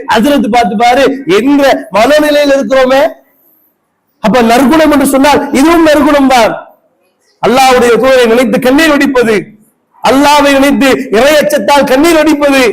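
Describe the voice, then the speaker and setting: High-voiced Tamil preacher, impassioned. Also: male voice, low-quality recording. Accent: Tamil Nadu. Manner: impassioned, questioning the audience. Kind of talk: Friday sermon. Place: mosque.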